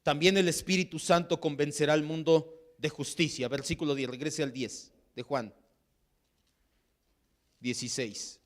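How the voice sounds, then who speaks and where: A man's voice: a little high, steady tone, a little slow, long pauses. A man with a Mexican Spanish accent preaching a sermon as pastor, with impassioned delivery that acts out the voices he quotes.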